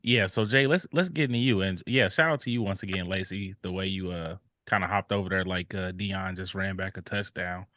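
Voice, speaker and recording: Bright-voiced joking podcast host, a man. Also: low-pitched, fairly even intonation, a little fast, hardly any pauses, no echo. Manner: playful, joking, steers the talk. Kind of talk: casual podcast chat.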